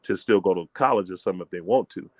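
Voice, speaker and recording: Emphatic low-voiced man explaining, dry close mic. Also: rapid-fire, no room sound. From Fort Wayne, Indiana, US. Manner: emphatic, preacherly, repeats "you know what I mean". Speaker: community elder, homeschool leader. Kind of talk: casual call-in chat.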